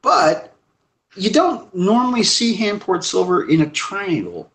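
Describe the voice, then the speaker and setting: A man's voice: high voice, sing-song, measured pace, a bit bright. Joking, rambling man in an echoey room. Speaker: host. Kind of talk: casual live stream chat. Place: home.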